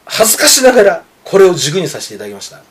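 This man in his fifties talks racing tips in a loose, joking, coarse-mouthed way. His voice sits high for a man and swings all over, and he rattles along quickly. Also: wildly swooping pitch. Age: 50s. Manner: rambling, joking, coarse banter. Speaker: horse racing pundit. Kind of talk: casual podcast chat.

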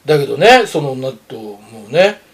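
An older man chatting casually on a radio talk show about horse racing, gruff and teasing, lecturing his co-host with animated tangents. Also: medium pitch, moderate pace.

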